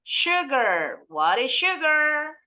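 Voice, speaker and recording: Over a dull, lo-fi video call, a young woman with an Indonesian accent gives children an online English lesson. Her fairly high voice sounds bright and forceful as she explains things in a lively, sing-song manner. She frequently fires quick questions at the class.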